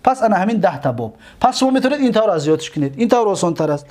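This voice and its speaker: Tajik-accented male teacher, lively melodic delivery, stretches out example words. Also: high-pitched. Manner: slow, drawn-out on example words; questions the listeners and answers himself. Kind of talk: grammar lesson.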